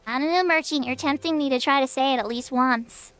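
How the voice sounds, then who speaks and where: High-pitched cute anime-style woman streamer. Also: brisk, a bit bright, faint music behind. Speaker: livestreamer. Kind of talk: casual livestream chat while gaming.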